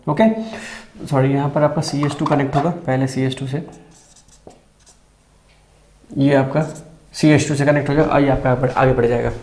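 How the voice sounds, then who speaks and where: Dark-voiced Indian man teaching chemistry. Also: medium pitch, flat delivery, roomy sound. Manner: explains step by step, asks and answers his own questions, mixes English terms into Hindi; slows down and spells out formulas while writing. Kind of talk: recorded lecture at a board.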